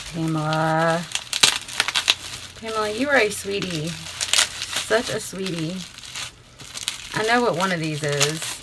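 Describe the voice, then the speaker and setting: A woman, gushing and excitable as she unboxes mail in a casual vlog, filmed on a tripod camera, first on her porch and then indoors. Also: fairly low pitch, slow, long pauses, very noisy. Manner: gushing, excitable, many fillers. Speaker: beauty vlogger.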